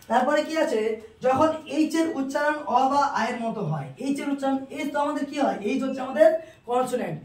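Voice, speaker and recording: An English grammar teacher delivers a classroom-style lesson, posing questions aloud, answering them, and repeating each rule to drill it in. The voice is medium-pitched and darkish, recorded with a roomy echo from a distant mic.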